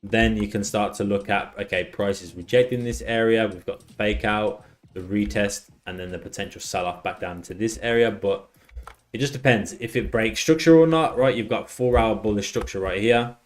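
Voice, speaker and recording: On a casual live stream, a livestream trader with a lowish voice chats at a moderate pace, reading out chat messages. He's losing his voice and restarts often.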